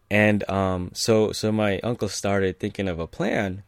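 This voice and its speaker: Low-voiced guy from california rambling thru a story, lots of ums and chuckles, dry sound. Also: takes it slowly, vocal fry, no echo. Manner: rambling, many fillers and restarts, chuckles often. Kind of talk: casual personal anecdote.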